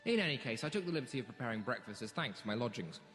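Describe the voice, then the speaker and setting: An eccentric male alien doctor in the body of a cartoon pony, acted by a man. He is theatrical and excitable, with a very animated pitch that leaps on exclamations. Music plays behind him in this audio drama. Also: rapid-fire. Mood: breezy, polite. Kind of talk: fan audio drama acting.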